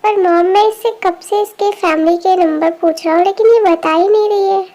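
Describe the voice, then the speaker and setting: A woman voicing a calm, caring young man in an amateur fan dub, with a gentle, reassuring manner. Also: very high voice, normal speed. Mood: concerned.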